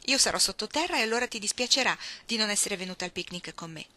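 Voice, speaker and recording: A woman's voice: mid-range voice, expressive, fast, sharp tone, no echo. A woman reading aloud, voicing a bold, mischievous tomboyish young woman who coaxes and pleads dramatically. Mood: pleading.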